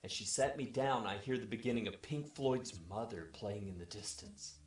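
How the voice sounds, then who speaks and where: Speaking at normal speed in a lowish voice, this male webcast regular tells a scripted first-person comic story like a mock-formal bedtime storyteller. The audio is echoey, as if captured in a large room.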